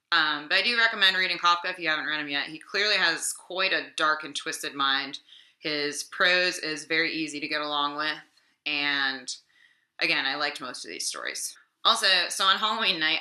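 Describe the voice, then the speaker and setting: Deep and sharp, this young woman's voice carries a casual weekly book chat. She's a vlogger who sounds a bit sick, rambles with frequent fillers, and records in a home room with noticeable echo.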